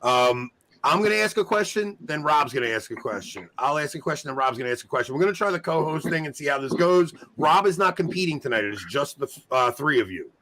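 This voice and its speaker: A man with a slightly raised pitch hosts a casual trivia stream. He talks in a loose, bantering way and pokes fun at himself as he explains things. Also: lively intonation, fast talker, bright, forceful tone, slight background noise, poor audio. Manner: bantering, self-mocking. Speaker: host of a trivia show. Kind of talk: casual live-stream chat.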